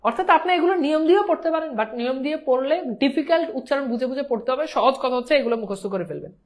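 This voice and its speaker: A woman's voice: high-pitched, lively intonation, rapid-fire. A woman teaching an exam-prep grammar class, often checking whether her students understand and mixing English words into her speech.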